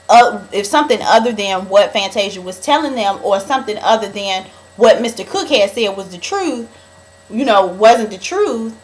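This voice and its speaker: A young woman recapping a reality show in a chatty, dramatic gossip style, calling her viewers honey. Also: mid-range voice.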